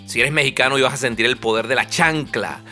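A man's voice: medium pitch, fast, sharp tone, soft background music. A man giving a humorous, casual monologue, talking in a conversational, joking way with plenty of asides.

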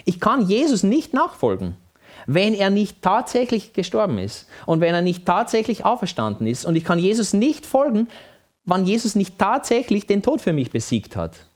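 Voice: mid-range voice, sing-song, moderate pace, a little mellow. A Bible teacher, giving an emphatic teaching talk and often checking with the listener.

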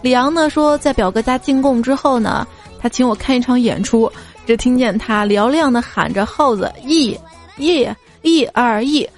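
Giggly woman host reading listener anecdotes; fairly high voice, slips into squeaky child voices, soft music bed underneath. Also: moderate pace. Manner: giggly, frequently breaks into laughter; acts out children's lines in a squeaky voice. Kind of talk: reading funny listener stories.

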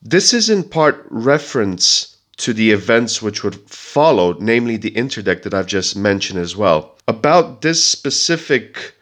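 A man with a somewhat low voice narrates history for his podcast from a script. A heavy cold makes him sound nasal and stuffed up. His delivery is measured, with the odd filler and restart. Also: fairly bright tone.

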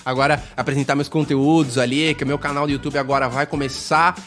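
A young man from Brazil, a radio guest telling stories in a lively way and acting out the voices of the people in them. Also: mid-range voice, fast, faint music behind. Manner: animated storyteller acting out quoted voices. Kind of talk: casual radio chat, storytelling.

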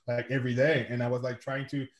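A Quebec City, Canada native who founded a sport and coaches it talks quickly and flatly in a mid-range voice as an interview guest. His first language is French and his accent is Québécois, and his casual, rambling speech is full of restarts and fillers. The sound is reverberant.

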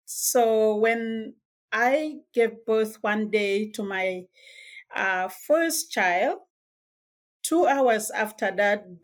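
A woman from Sudan, specifically South Sudan, appears as a guest author on a podcast interview, telling her life story. Her mid-range voice is measured and reflective, with small hesitations.

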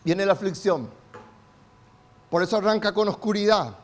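High-voiced preacher. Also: male voice, normal speed. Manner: call-and-response preaching, builds to shouts. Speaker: pastor. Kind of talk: sermon.

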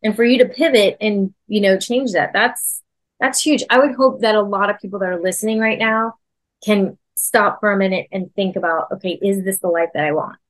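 A woman's voice: mid-range voice, fairly quick. A woman hosting a podcast, speaking in a casual, affirming way and encouraging her guest. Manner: affirming and encouraging, short backchannels. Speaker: podcast host. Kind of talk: casual conversational interview.

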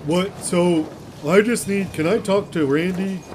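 A male comedy podcast host who rants in character, swearing and repeating himself in exasperation. His voice sits a little high for a man. A faint hiss runs behind him. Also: measured pace, darkish tone, poor audio. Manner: profane, repetitive, exasperated. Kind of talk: comic in-character ranting.

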